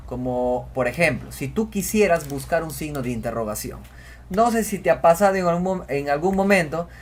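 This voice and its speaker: Chatty man teaching spreadsheets. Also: on the high side. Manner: chatty, repeats "miren" and "a ver", talks while clicking. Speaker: spreadsheet tutorial host. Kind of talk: screen-recorded software tutorial.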